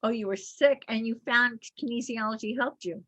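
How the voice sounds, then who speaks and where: Bright-voiced woman podcast host. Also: on the high side, moderate pace. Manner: eager, curious questioner. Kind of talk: podcast interview.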